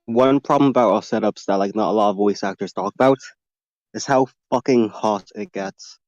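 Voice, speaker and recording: Low-voiced man, blunt and swearing. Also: normal speed, a little mellow, dry recording. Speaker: voice actor. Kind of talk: casual chat. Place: foam-lined small closet. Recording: dull lo-fi home recording.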